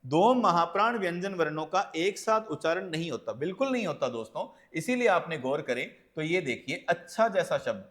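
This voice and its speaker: Slightly high-voiced male Hindi exam tutor. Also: a bit bright. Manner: explains step by step, asks and answers his own questions; calls listeners friends, often adds "right?". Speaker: teacher. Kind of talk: exam-prep lecture.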